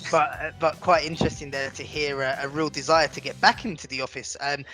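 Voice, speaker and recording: Bright-voiced man hosting a team chat. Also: on the high side, fairly even intonation, fairly quick. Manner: friendly, summarizing, asks questions. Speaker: host. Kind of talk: casual interview moderation.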